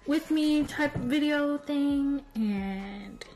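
Speaking extremely slowly in a high, darkish voice over soft background music, a young woman community college student films a casual day-in-my-life vlog with her phone camera at arm's length. She's chatty and slightly self-conscious, saying "like" often, as she moves from the campus library back home.

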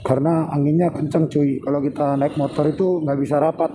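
Man, high-pitched and friendly, riding commentary over heavy wind and traffic roar. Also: level tone, fairly quick. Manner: chatty, addresses viewers as friends. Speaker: motovlogger. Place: on a motorbike on a busy road. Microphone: helmet mic with wind noise. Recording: loud wind and traffic noise.

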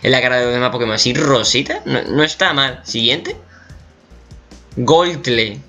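A man with a Spain Spanish accent giving casual reaction commentary as a gaming YouTuber, animated and swearing, squealing in mock shock. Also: medium pitch, moderate pace, muffled recording, soft background music.

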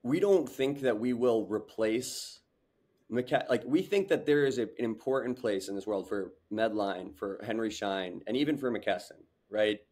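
In a home room with a large window, a young startup founder answers a video call interview earnestly, with plenty of fillers and restarts. His pitch is fairly low and a little mellow, his intonation lively, and his pace moderate.

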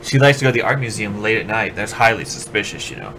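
A man's voice: fairly low pitch, expressive, quick pace, bright, forceful tone, a little hiss or hum. Sarcastic, crude man playing a game. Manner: sarcastic, crude, jokey, swears a lot. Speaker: gameplay commentator. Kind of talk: casual let's play banter.

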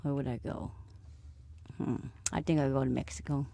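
Brief: woman, late forties, gravelly low-key voice, dry close booth sound, easygoing interview answers. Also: steady tone, moderate pace, dark tone, no echo. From Sacramento, California. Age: 40s. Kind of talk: casual personal conversation. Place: small recording booth.

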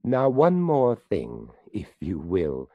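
A man's voice: deep voice, huge pitch swings, slow pace, no echo, lo-fi sound, pitched above the performer's own voice, heavily acted. A man voicing a courteous, formal old male skeleton in a storybook reading. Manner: formal, polite.

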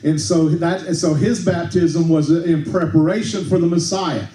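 A male pastor preaching a relaxed, conversational sermon, often checking in with the congregation and restarting his sentences. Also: fairly high pitch, moderate pace. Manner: conversational, tag questions like okay, frequent restarts. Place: church sanctuary. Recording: echoey church room, mic at a distance.

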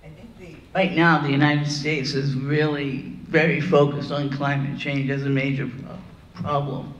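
An older woman, a plant scientist on a panel, telling a story in a lively, chatty way with "you know" and "right?". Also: sits low, measured pace, highs cut off. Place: conference room with audience. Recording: echoey room heard from a distance, faint noise.

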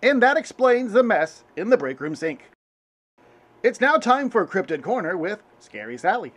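A dry, matter-of-fact puppet news anchor, voiced by a man. His voice is high and animated, rising and falling through deadpan lines. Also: normal speed. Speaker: host. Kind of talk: comedic spoof news.

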